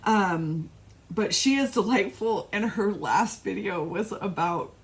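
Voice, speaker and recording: A woman's voice: medium pitch, slow. A middle-aged woman chatting casually on her cross-stitch vlog, rambling with restarts and little laughs. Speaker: flosstube vlogger. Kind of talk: casual chat.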